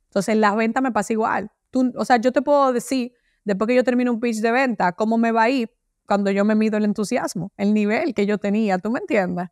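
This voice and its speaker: A middle-aged woman, a podcast guest, telling stories with animated energy and acting out little voices. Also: on the high side, a little fast, dry recording, studio quality. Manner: animated storyteller, acts out voices. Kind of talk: interview conversation.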